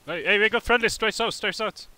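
A man chatting with his team during a military shooter, excitable and often swearing. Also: high voice, a little fast, low-quality recording. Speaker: video game player. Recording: gunfire and clicks behind voice. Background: game gunfire.

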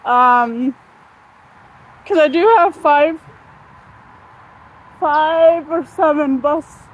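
A woman in her thirties with a high voice films herself on a phone while walking through a sunny park. She talks slowly and wanders from thought to thought, filling gaps with ums and uhs. She has the hiccups as she goes. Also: lo-fi sound. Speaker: vlogger. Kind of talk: casual walking vlog. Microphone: phone held at arm's length.

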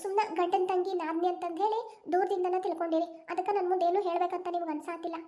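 A voice artist voicing a hurt young wife who pleads softly, with a North Karnataka Kannada accent. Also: very high-pitched, little pitch movement, fast. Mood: hurt pleading.

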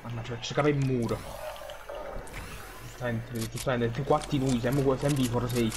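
A man's voice: mid-range voice, fairly even intonation, normal speed. A man with a southern Italian accent complaining and repeating himself insistently in casual gaming chat. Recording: clearly noisy game voice chat.

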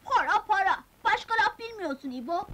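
Brief: pampered young girl, piercing high bright voice, petulant, 70s comedy film. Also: expressive, moderate pace, heavily acted. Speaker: female lead. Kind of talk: 1970s film comedy acting.

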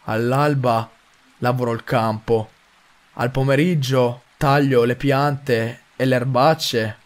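A man reading aloud the lines of a tired male farmer stuck in the same daily routine, in a flat, worn-out recital. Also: mid-range voice, slow pace, natural voice. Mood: weary. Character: weary old male farmer in a loop. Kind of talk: reading game dialogue aloud.

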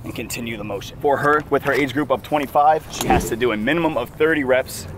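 Crisp military man giving instructions. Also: mid-range voice, fast talker, noisy background. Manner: crisp, military, matter-of-fact. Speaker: test proctor. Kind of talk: instructional explanation. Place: outdoor running track.

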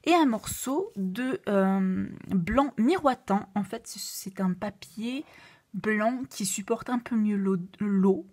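A woman with a noticeable foreign accent, walking through a craft tutorial with many fillers and self-corrections, at times dropping to a soft whisper. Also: medium pitch, takes it slowly. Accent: non-native French accent. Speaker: card-making demonstrator.

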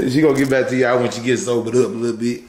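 A man's voice: mid-range voice, darkish tone. An American man in his thirties chatting casually for a vlog, laid-back and teasing. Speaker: vlogger behind the camera. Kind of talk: casual joking vlog chat. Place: moving car, later indoors at home. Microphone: handheld camera. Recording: car noise, handheld camera.

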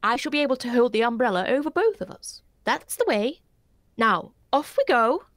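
A high, airy little faun fusses and bows with old-world courtesy, nervous and eager to please. The voice sits far above a plain speaking voice, bouncing and lively. It is a storybook reading in a dry, close space. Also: male voice, normal speed, dry recording, full character voice. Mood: coaxing. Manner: courtly, fretful, old-fashioned politeness. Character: fussy, polite male faun, shy and nervous. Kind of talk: audiobook character voice.

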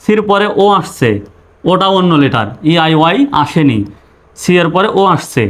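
A male teacher talks through an English spelling lesson in a patient, repetitive way. He spells words letter by letter and asks his students questions before answering them himself. His voice sits a little high for a man. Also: expressive, normal speed, fairly bright tone. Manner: patient, repeats rules and spells letters aloud.

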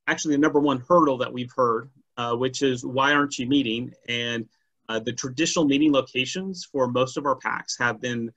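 A man's voice: mid-range voice, a bit bright, low-quality recording. A man presenting at a scouting leaders' expo, talking loosely with frequent "uh" fillers and restarts. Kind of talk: conference presentation. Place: indoor expo session.

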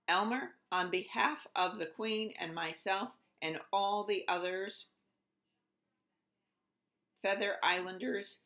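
A woman's voice: mid-range voice, slow, long pauses, fairly bright tone, voice pushed up. A woman voicing a small, pompous, greedy bird king in a children's storybook reading. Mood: solemn. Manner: pompous, proclaiming.

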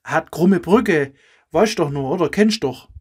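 A woman with a Swabian accent chats in a friendly way in a staged everyday conversation. Her voice is fairly low for a woman. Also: animated, unhurried, a little mellow, slightly rough. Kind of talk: acted dialect dialogue.

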